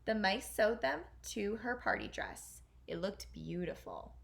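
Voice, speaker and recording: Reading a children's fairy tale aloud, a woman teacher uses an expressive storytelling style at a measured pace. Her voice is mid-range with some vocal fry.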